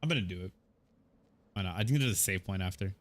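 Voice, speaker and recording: A man's voice: deep voice, animated, quick pace. A man in his twenties from Mexico, chatting casually and a bit hesitantly while streaming a game. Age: 20s. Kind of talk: casual gameplay chat.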